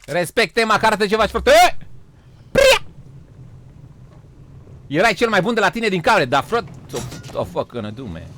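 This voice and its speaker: A Romanian man streaming a game live, joking loudly, swearing and calling his viewers "frate", often breaking into shouts and laughs. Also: high-pitched, animated, hardly any pauses, noisy background. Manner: swears and says "frate" a lot. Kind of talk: live gaming stream chat.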